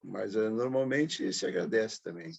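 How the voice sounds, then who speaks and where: A man's voice: lowish voice, unhurried, vocal fry. A man from Brazil on a video call, chatting hesitantly about a trip, with many restarts. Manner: chatty, hesitant, emotional storytelling. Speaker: study group participant. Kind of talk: casual online group discussion.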